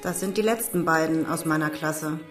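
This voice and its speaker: A man's voice: fairly high pitch, normal speed, a bit bright, faint music behind, voice pushed up, natural voice. A man voicing a bitter, worn-out woman teacher who speaks bluntly and with resignation.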